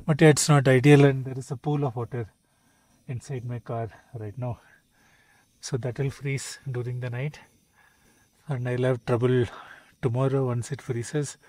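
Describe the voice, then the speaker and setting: Here a thirties-aged travel vlogger cooks in his parked car amid snow and cold, casually narrating to a nearby camera. His medium-pitched voice is a little mellow and flat, at normal speed with long pauses, and there is no room sound.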